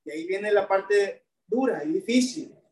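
A woman's voice: mid-range voice, lively intonation, a little slow, a little mellow. A woman preacher delivering a sermon, often putting rhetorical questions to the congregation and addressing them as brethren. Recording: echoey room, voice from a distance.

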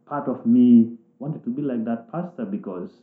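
A man from South Sudan, speaking in a thoughtful, halting way with restarts as he interviews people in a reflective conversation. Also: medium pitch. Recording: echoey room, tinny phone-like sound.

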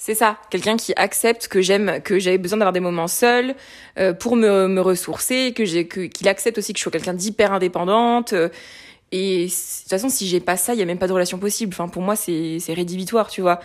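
A woman in her late twenties with a brisk, mid-range voice chats candidly in a casual conversation. She sounds lively and uses many fillers and restarts.

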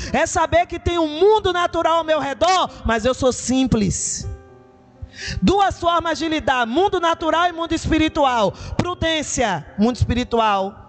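A woman pastor with a Brazilian Portuguese accent, preaching emphatically and asking her listeners rhetorical questions. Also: a little high. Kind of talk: sermon.

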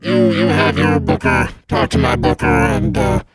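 A man voicing a gleeful, boastful male Christmas demon who hosts a comedy show, talking in a growling, mocking rasp with many cackles. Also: normal speed, a loud crowd, lightly acted. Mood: gleeful menace. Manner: mocking, cackling, rambling menace. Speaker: show host.

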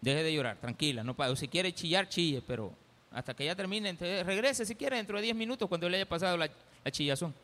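A man's voice: high voice, lively intonation, quick pace, bright, forceful tone. A male pastor with a Salvadoran accent preaching a sermon in a church, folksy and teasing as he acts out little everyday scenes. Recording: church hall reverb.

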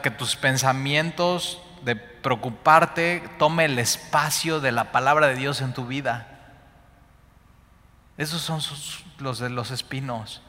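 A man with a Mexican accent preaching a sermon on a Bible passage, repeating words for emphasis and swinging between loud and hushed. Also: medium pitch. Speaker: Bible teacher. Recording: long hall reverb.

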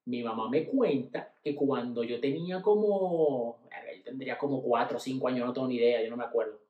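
A middle-aged Venezuelan man casually telling family stories, slangy and animated, dropping to low mutters and rising to loud bursts. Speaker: podcast host. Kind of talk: casual storytelling monologue. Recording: roomy echo.

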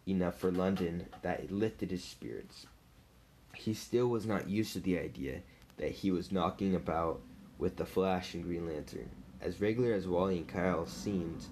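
A man reading a novel aloud in a steady way, with occasional stumbles and restarts. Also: sits low, a little hiss or hum. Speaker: narrator.

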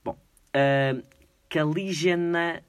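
A man with a European Portuguese accent hosting a casual quiz, playful and jokey, slowing down over hard words. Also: fairly high pitch, steady tone, clear, resonant tone, dry recording. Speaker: quiz host.

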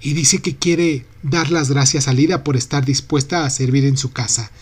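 A man narrating a literary novel in a steady, unhurried reading voice. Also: mid-range voice, husky. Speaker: audiobook narrator.

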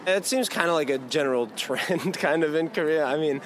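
A man's voice: on the high side, a little fast. An American man who works at a language school, answering a street interview casually with many fillers. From Florida, United States. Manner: casual, fillers like 'you know'. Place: city street outdoors. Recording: street traffic noise.

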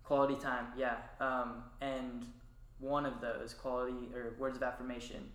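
A man speaking hesitantly in a casual group discussion, with many "um"s and pauses. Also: mid-range voice, little pitch movement, a bit bright. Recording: echoey room.

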